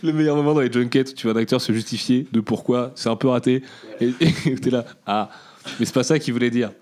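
A man's voice: mid-range voice, a little mellow. A young man hosting a casual podcast chat, joking and steering the talk along. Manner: quick, joking, drives the conversation. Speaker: podcast host.

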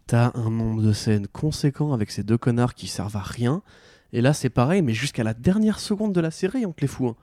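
A man's voice: medium pitch, animated, a little fast, warm tone, no room sound. A man in a casual podcast chat who talks bluntly and throws in swear words as he teases his friends. His voice sits in a middle range, and the sound is dry and close. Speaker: podcast co-host. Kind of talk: casual chat about a series.

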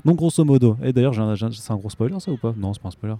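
A man's voice: mid-range voice, animated, rapid-fire, warm tone, no room sound. A man from France co-hosting a podcast, chatty and rambling with frequent restarts. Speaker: podcast co-host. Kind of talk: casual podcast chat.

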